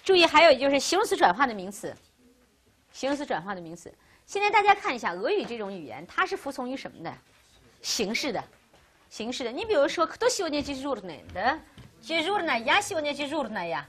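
A woman teaching a Russian grammar class, lecturing lively and asking questions she answers herself. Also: fairly high pitch, fast, husky.

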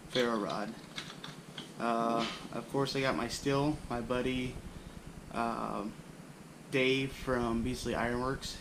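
A young bushcraft host gives a casual show-and-tell of his camping gear indoors, in a small room with a wooden floor, using the camera mic. His mid-range voice is relaxed and rambling with lots of fillers, and there's background noise.

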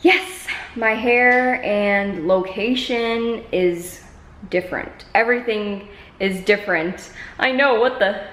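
Talking slowly in a medium-pitched, slightly bright voice, a twenty-something vlogger chats informally to her camera, which she holds at arm's length indoors. She's in a medium-sized living room whose bare walls add echo.

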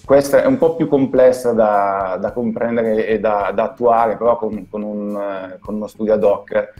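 A man with an Italian accent, a guest designer, explaining things in a halting way that repeats words over a video call. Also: on the low side, steady tone, muffled recording, soft background music. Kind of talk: casual video call interview.

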